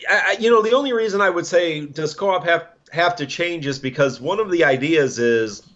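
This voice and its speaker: A man's voice: fairly high pitch, moderate pace, a bit bright, dull audio. A man co-hosting a casual gaming podcast, rambling and restarting his sentences. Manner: rambling, restarts often, chuckles. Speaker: podcast co-host.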